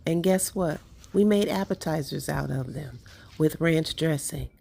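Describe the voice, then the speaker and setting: A woman's voice: low voice, a little slow, vocal fry, warm tone, slightly rough. A middle-aged woman, chatting enthusiastically to viewers as she works in her backyard garden. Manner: chatty, enthusiastic, talks to viewers while working. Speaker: home gardener vlogger. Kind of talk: casual garden walkthrough vlog.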